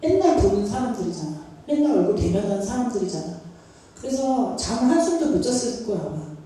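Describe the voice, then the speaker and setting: A woman's voice: mid-range voice, sing-song, brisk, mellow. A woman giving a youth sermon, conversational, asking her listeners questions and mixing casual and polite speech. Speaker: youth pastor. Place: church sanctuary. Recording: echoey church hall from far off.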